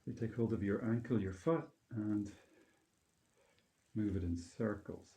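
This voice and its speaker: Calm, low, mellow man guiding grounding. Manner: calm, unhurried, gently instructive. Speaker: meditation and yoga teacher. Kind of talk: calm guided grounding exercise with gentle movement instructions. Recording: roomy, echoing indoor sound.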